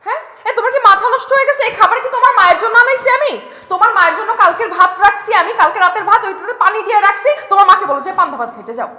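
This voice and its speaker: An actress playing a spiteful, bossy wife. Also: female voice, very high voice, expressive, rapid-fire, bright, forceful tone, exaggerated voice. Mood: contemptuous. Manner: scornful, bossy. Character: cruel, arrogant young wife, spiteful. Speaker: daughter-in-law. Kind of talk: TV drama acting.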